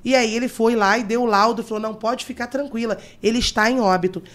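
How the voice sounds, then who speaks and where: Fast-talking woman explaining mortuary work. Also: on the high side, fairly even intonation. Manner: explains technical terms to listeners. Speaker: guest, mortuary and embalming instructor. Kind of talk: podcast storytelling.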